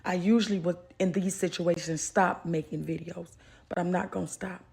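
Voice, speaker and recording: A woman video creator with a hoarse, loud, harsh voice that breaks into a whispery rasp, talking emphatically and casually with swearing. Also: on the low side, fairly even intonation, moderate pace. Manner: emphatic, determined, repetitive. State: hoarse from yelling. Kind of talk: casual personal monologue with profanity.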